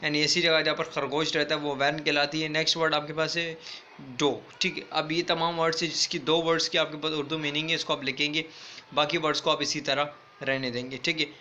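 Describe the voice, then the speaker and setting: A man teaching a recorded English class in a high, very bright and sharp voice. He is patient and repetitive, spells words out letter by letter, and keeps asking whether his students are following. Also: level tone, fast, a little hiss or hum. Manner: patient, repetitive, checks in with "theek hai" often. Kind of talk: recorded online class lecture.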